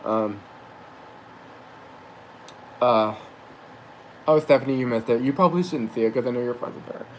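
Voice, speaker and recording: A young man talks to camera in a loose, meandering vlog monologue, hopping between asides and filler words. His voice sits at an everyday middle pitch, and faint background noise is audible. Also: moderate pace, long pauses, rough recording. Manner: rambling, chatty, full of fillers and asides. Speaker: aspiring actor and rideshare driver vlogging.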